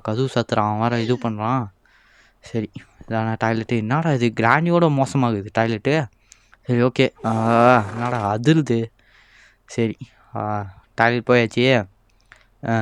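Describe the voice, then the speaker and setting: This gameplay commentator is a young man whose smooth voice comes through with no room sound. He plays through a horror game, teasing and exasperated, acting out the characters and turning to shrill panic at the frightening parts.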